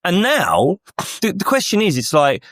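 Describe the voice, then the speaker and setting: A man's voice: high voice, wildly swooping pitch, measured pace, a bit bright, no room sound. A man in a casual football debate, arguing rhetorically and repeating questions and phrases for emphasis. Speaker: football panellist.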